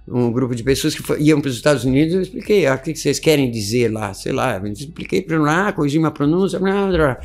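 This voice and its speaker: A man teaching English in an informal video lecture, animated and full of rhetorical questions. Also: on the high side, fast, hardly any pauses, faint music behind. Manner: animated, asks rhetorical questions, chuckles often.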